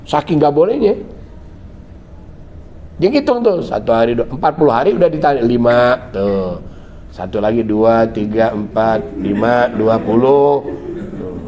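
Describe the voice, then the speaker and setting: A man's voice: medium pitch, unhurried, long pauses, lo-fi sound, slight background noise. A middle-aged man with a Betawi Jakarta accent giving a religious lecture, mixing teaching with comic storytelling and acted-out family scenes. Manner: lively storyteller acting out family scenes with shifting voices. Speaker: Islamic preacher.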